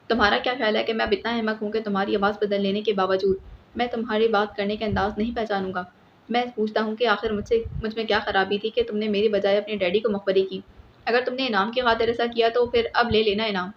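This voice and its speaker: A woman's voice: mid-range voice, natural voice. A woman voicing a hot-tempered, blustering male police superintendent in an audiobook, with an angry, scolding tone. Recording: slightly muffled with faint hiss.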